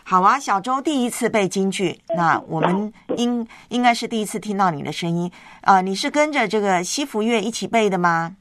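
A woman's voice: mid-range voice, lively intonation, a little fast, hardly any pauses, a bit bright. A woman hosting a live call-in, chatting with children in a coaxing, affectionate way. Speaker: radio call-in host. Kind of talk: live chat with child callers.

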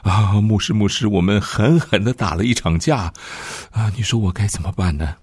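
A man's voice: fairly low pitch, wildly swooping pitch, unhurried, darkish tone, husky, voice pushed up, full character voice. A male preacher voicing a panicked young newlywed wife in a story he tells. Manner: frantic, pleading.

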